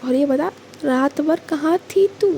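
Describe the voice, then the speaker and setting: A woman's voice: high voice, slow, dark tone, a little hiss or hum. A woman voicing Meera, an emotional older sister who anxiously fusses over and scolds her younger sister, in a storybook reading.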